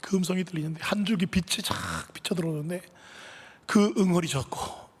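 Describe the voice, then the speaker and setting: Brief: lively male preacher, husky tone, long church-hall reverb. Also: high-pitched, fairly quick. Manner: animated storytelling. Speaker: pastor. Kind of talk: sermon. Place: church sanctuary.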